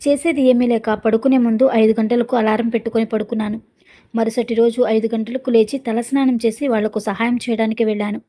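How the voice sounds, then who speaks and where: A woman narrates a dramatic story in the first person with a steady, earnest delivery. Her voice is mellow and soft-edged, sitting fairly high for a woman. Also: a little fast.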